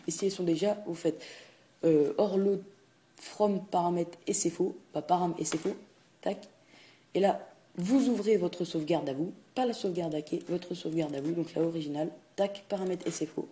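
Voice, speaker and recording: In a casual video game tutorial recorded from his screen, a man speaks with a fairly high pitch and a dark tone. He's hesitant, full of fillers and restarts, and says "tac" with each click, over slight background noise.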